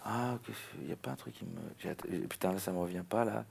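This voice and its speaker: A man, a comedian chatting in an interview, rambling and animated with many restarts. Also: deep voice, fairly quick, vocal fry, breathy edge. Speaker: comedian guest. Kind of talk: casual interview chat.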